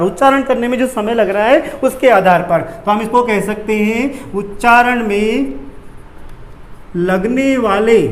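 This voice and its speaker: A man teaching a lesson with a Rajasthani Hindi accent, who repeats key phrases and asks questions that he answers himself. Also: high voice. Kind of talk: classroom lecture.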